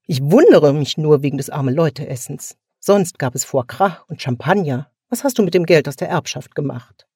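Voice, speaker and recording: A man reading aloud voices a sharp-tongued older sister who mocks and reproaches her brother. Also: fairly high pitch, lively intonation, moderate pace, husky, no room sound, clean studio sound. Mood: scornful. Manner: mocking, reproachful.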